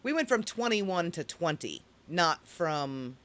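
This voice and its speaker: A co-host of a trivia live stream, quick and teasing, excitable in casual chat. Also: medium pitch.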